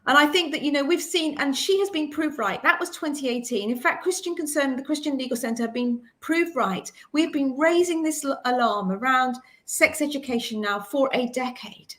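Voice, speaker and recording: A woman hosting a panel discussion, talking in an animated, emphatic way with many restarts. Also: high voice, normal speed, few pauses. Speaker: host.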